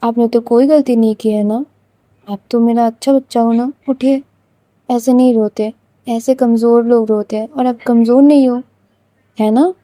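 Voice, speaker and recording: A woman voicing a tender young woman who softly coaxes and comforts her weeping lover. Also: sits high, steady tone, a little slow, no echo. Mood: soothing, coaxing. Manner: soft, coaxing, gently firm.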